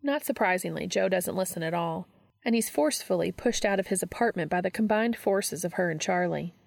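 Female storyteller reading fiction aloud, low, gravelly, dry. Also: brisk, no room sound. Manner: steady, even narration. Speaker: fanfiction reader.

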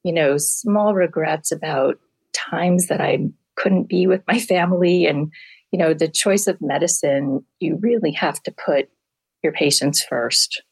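Brief: middle-aged woman doctor, deep gravelly voice, husky and hoarse, candid and homely. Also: unhurried, no room sound, rough recording. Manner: candid, explains with homely comparisons. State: hoarse from allergies. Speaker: family medicine doctor, guest. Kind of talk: casual interview answers.

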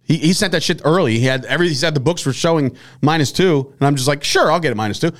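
A man with a fairly high-pitched, fast voice hosts a casual sports betting podcast, rambling, laughing often and swearing now and then.

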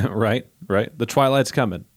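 A man's voice: medium pitch, measured pace, dry recording, clean studio sound. A man hosting a church podcast, joking around and reading scripture aloud. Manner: playful, joking, upbeat. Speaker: podcast host.

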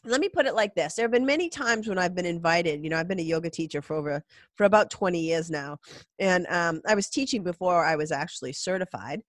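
A woman's voice: on the low side, animated, quick pace, no echo, clean studio sound. A middle-aged woman with a congested, nasal voice from a cold, hosting a podcast in an informal, rambling, emphatic monologue. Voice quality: stuffy, nasal. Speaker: podcast host. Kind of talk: casual solo podcast monologue.

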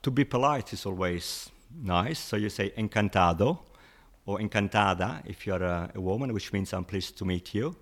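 Low-voiced man patiently explaining languages. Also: moderate pace. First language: not English. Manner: patient, explains with examples, chuckles often. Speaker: interview guest explaining languages. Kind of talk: casual explanatory chat.

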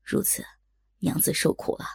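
A woman's voice: normal speed, darkish tone, close to an everyday voice. A woman voicing an angry grown male warrior in a told story, speaking in a stern, seething way. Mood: grim anger.

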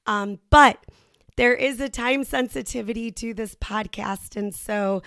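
A middle-aged woman hosting a personal faith podcast, raspy and hoarse from laryngitis, talking candidly and conversationally. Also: fairly high pitch, a little slow, a bit bright, no echo, clean studio sound. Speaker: podcast host.

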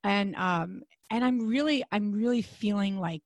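A woman co-hosting a podcast in a casual chat, her voice raspy and hoarse, with a chatty manner full of restarts. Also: a little slow, no echo. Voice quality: raspy, deep voice. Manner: chatty, frequent restarts and fillers. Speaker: podcast co-host.

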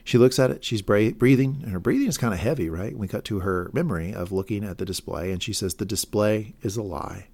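A man with a fairly low voice co-hosts a casual podcast, walking through a TV episode scene by scene. He rambles and corrects himself as he goes, floating guesses about the plot. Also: brisk, few pauses, a little mellow. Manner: rambling, self-correcting, speculative. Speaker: podcast co-host.

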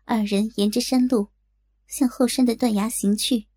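A woman reading a scripted martial-arts story in a measured storytelling manner. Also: on the high side, steady tone, warm tone, breathy edge, dry recording, studio quality. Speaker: narrator.

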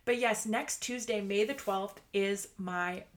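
A woman in her late thirties hosts an upbeat motivational podcast, delivering a monologue. She's chatty and bubbly and laughs often, speaking slowly in a mid-range voice.

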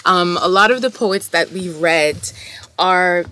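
A woman's voice: fairly low pitch, a little slow, sharp tone, clear, resonant tone. A woman whose first language is French, co-hosting a casual, enthusiastic discussion of articles and poetry.

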